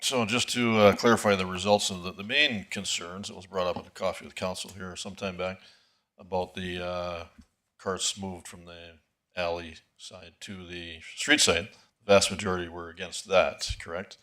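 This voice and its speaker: A man chairs a council meeting, calling on speakers and checking facts in a measured way. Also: sits low, flat delivery, bright, forceful tone. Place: council chamber.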